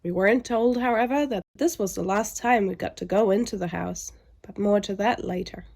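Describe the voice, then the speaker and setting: A woman's voice: medium pitch, moderate pace, vocal fry, darkish tone. A woman sounding under the weather and weary, narrating a scripted vlog with frustration.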